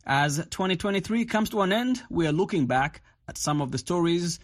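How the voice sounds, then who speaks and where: A man's voice: high-pitched, normal speed, no echo, studio quality. Man hosting a radio show. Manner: steady, announcer-like delivery. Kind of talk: scripted radio presenting and interviewing.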